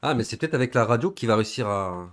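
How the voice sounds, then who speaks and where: A young man from southern France giving casual, slangy reaction commentary with excitable, laughing asides. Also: mid-range voice, fast talker. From southern France, Gard area. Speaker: reaction video host.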